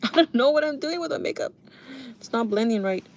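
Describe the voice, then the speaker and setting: A woman's voice: high-pitched, lively intonation, fairly quick. A woman in her thirties chatting casually to her viewers while doing her makeup, confiding and talking straight to them. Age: 30s. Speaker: beauty vlogger.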